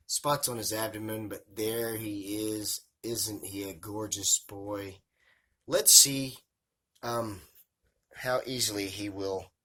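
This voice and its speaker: A man's voice: on the low side, sharp tone. A man giving casual, enthusiastic vlog commentary as a hobbyist host, speaking emphatically and directly to viewers. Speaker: tarantula hobbyist hosting an unboxing.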